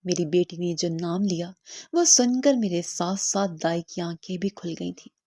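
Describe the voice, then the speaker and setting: A woman's voice: lowish voice, mellow. A woman narrating an emotional first-person story as a mother, in a scripted storytelling style.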